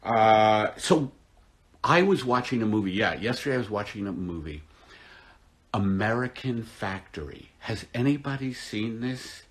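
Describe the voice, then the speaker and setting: Slow, lively-pitched comedian host. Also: male voice. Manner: dry, deadpan, mock-gloomy, rambling. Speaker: host of a live stream. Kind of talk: casual comedic live-stream chat.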